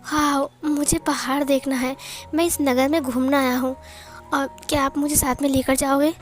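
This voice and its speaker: A woman's voice: high-pitched, steady tone, normal speed, faint music behind, close to an everyday voice. A woman voicing a polite, eager young princess who talks sweetly in a storybook retelling.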